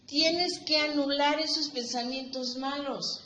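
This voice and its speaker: A woman pastor giving a Sunday sermon with slow, emphatic delivery, acting out the prayers of the faithful. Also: high-pitched, fairly even intonation, sharp tone. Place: church. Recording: echoey church room, dull sound, faint hiss.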